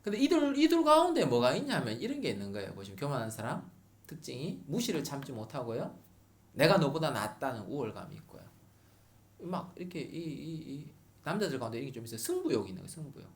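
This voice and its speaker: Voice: medium pitch, big pitch swings, quick pace. A middle-aged pastor preaching a sermon at a Friday prayer meeting, repeating key words for emphasis.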